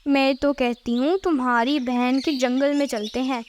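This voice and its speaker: A woman's voice: high voice, fairly even intonation, moderate pace, slight background noise, lightly acted. A woman voicing a scolding, sarcastic female bird thief in a cartoon, drawing out her mockery. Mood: bossy, planning. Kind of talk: cartoon character voice acting.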